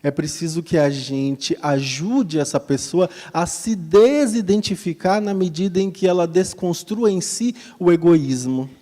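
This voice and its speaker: A man with a Brazilian Portuguese accent answering a question at a spiritist lecture in a measured, explanatory way. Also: fairly high pitch, dark tone. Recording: long hall reverb.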